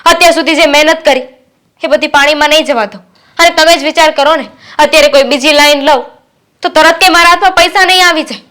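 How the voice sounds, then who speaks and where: A woman acting as a young student daughter, resentful and determined, with a high voice. She scolds her father in firm, steady reproach. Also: quick pace. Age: young adult. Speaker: daughter studying to be a pilot. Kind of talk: Gujarati short-film acting.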